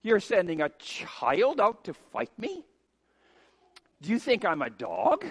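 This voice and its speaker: A man's voice: high-pitched, huge pitch swings, slow, slightly rough, exaggerated voice. A man voicing a taunting giant warrior in a retold Bible story.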